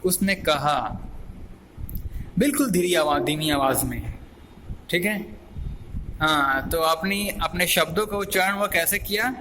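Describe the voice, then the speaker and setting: A man teaching an English chapter. He reads each English line slowly, then explains it phrase by phrase, asking questions and answering them himself. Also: sits high, pushed and bright, a little hiss or hum, poor audio.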